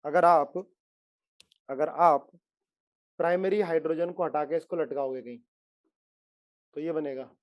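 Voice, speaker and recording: A man lectures a class on chemistry and keeps pressing his students to answer, repeating each question until they respond. His voice sits a little on the high side. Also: a little slow, pauses often. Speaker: chemistry teacher.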